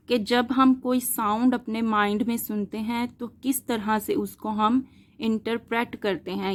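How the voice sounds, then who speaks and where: A woman teaching linguistics in a lecture, explaining terms step by step, asking questions and answering them herself, and mixing English words into her Hindi. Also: on the high side. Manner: slow, deliberate, spells out examples letter by letter.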